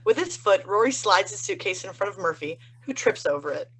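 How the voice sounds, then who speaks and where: A woman's voice: mid-range voice, expressive, a little fast, fairly bright tone, breathy edge, low-quality recording. A woman reading stage directions evenly in an online play reading. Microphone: video call.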